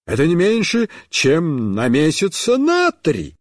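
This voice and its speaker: A man putting on a shrill, indignant busybody neighbor lady. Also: huge pitch swings, slow pace, dry recording, clean studio sound, heavily acted. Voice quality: shrill, squealing. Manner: indignant, huffing, boiling over. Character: shrill fussy middle-aged woman neighbor, indignant busybody.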